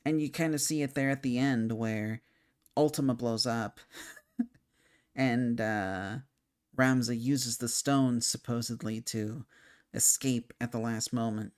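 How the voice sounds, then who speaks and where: A man's voice: mid-range voice, fairly even intonation, measured pace, clear, resonant tone. Rambling young man talking about a game. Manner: rambling, frequent fillers and restarts, thinking aloud. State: hiccuping. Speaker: game commentator. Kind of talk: casual spoken game discussion.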